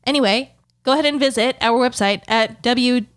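A woman's voice: on the high side, normal speed, clear, resonant tone. Woman podcast co-host; dry, matter-of-fact teaser, casual banter.

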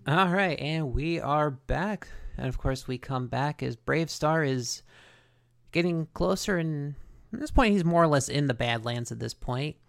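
A man's voice: fairly high pitch, expressive, unhurried, vocal fry, fairly bright tone. A man co-hosting a podcast, casually retelling a cartoon episode in a conversational way. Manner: conversational, story-telling with paraphrased dialogue. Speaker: podcast co-host.

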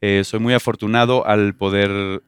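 Hombre mexicano de voz grave y nítida. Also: male voice, fairly low pitch, flat delivery, normal speed, smooth, dry recording. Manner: warm, earnest storytelling. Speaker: guest, stepfather. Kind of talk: casual chat.

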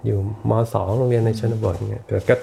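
A middle-aged man talking as a podcast guest in a reflective, unhurried way, often restarting and repeating words. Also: on the low side, flat delivery, gravelly, warm tone, a little hiss or hum. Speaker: podcast guest, architect and teacher. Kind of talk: casual podcast conversation.

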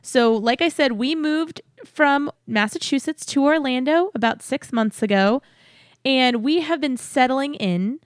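Cheery woman podcaster chatting to listeners, kinda high voice, dry close sound. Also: unhurried, no echo. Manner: cheery, enthusiastic, addressing listeners directly. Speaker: podcast host. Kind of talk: upbeat podcast announcement, chatty.

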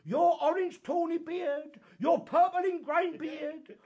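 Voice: extremely high pitch, steady tone, takes it slowly, darkish tone, heavily acted. An actor playing a boastful, pompous weaver who declaims bombastically in a stage comedy.

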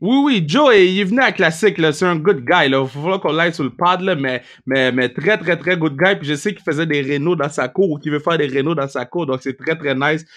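Hyped Quebec French podcast host. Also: male voice, fairly high pitch, brisk, hardly any pauses, a bit bright. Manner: hyped, playful, mixes English slang into French. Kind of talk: casual podcast chat.

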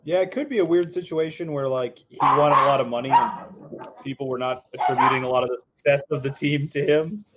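A man co-hosting a casual podcast, speculating quickly, with his dogs heard in the background. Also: medium pitch, muffled recording, heavy background noise. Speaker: podcast co-host. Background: dogs barking.

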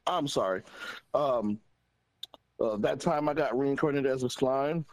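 Slow, hesitant man on a podcast. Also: mid-range voice, dry recording, poor audio. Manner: hesitant, many fillers. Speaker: podcast co-host. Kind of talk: casual podcast chat.

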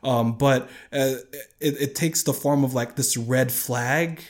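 A man co-hosting a podcast, chatting casually about a video game, excitable and quick to laugh, jumping into animated outbursts. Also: mid-range voice. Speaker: podcast co-host. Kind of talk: casual game review chat.

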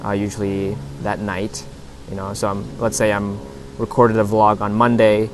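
A man hosting a casual solo podcast outdoors in an open park on a lapel mic, explaining step by step in a halting, self-correcting way. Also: lowish voice, flat delivery. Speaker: podcast host and vlogger. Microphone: lapel lavalier into a phone. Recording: outdoor park recording with clear background noise.

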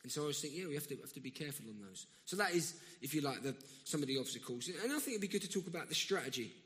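Speaking very fast in a slightly high, fairly bright voice, this South London man delivers an animated, conversational sermon that keeps interrupting itself before surging into emphatic outbursts. He's in a church hall, and long reverb trails each phrase.

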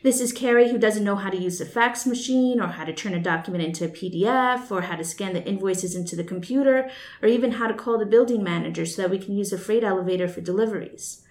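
A woman's voice: medium pitch, quick pace, darkish tone. A woman reads her own first-person fiction aloud, wry and blunt in a conversational way. Her voice sits in a middle register. It carries the echo of a roomy space. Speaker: fiction writer reading her story. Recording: echoey room.

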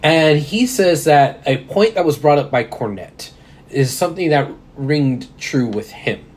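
A man talking loosely about wrestling in a casual podcast chat. His voice sits a little high, and he rambles, restarts his sentences and laughs often. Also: lively intonation, measured pace, darkish tone, slight background noise. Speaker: podcast co-host.

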